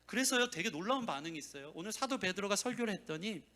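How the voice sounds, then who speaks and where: A man preaching with a high, bright voice that rises and falls a lot. He tells a family story as he goes and acts out the voices of the people in it. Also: expressive, quick pace. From South Korea. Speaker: pastor. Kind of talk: sermon.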